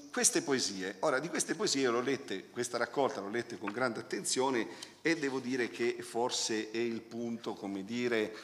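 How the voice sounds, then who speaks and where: A man's voice: mid-range voice, a bit bright. A man presenting a poetry book as a critic, talking through the poems analytically and hesitantly as he searches for words. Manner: analytical, close reading of sound patterns. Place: lecture hall. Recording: long reverb of a hall.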